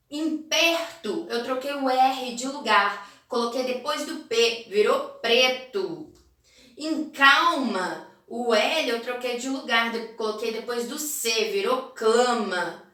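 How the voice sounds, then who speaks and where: A woman teacher with a Brazilian Portuguese accent explaining a phonics exercise, stretching words out slowly. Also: sits high, pushed and bright. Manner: slow, stretched-out word pronunciation. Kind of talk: video lesson correcting phonics homework. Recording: echoey room, voice a bit far from mic.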